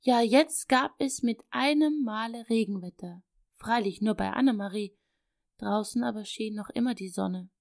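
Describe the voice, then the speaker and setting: A woman narrating an audiobook of a classic children's story, expressive and storytelling, dipping into soft whispers. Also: a little high, moderate pace, creaky, no room sound, studio quality.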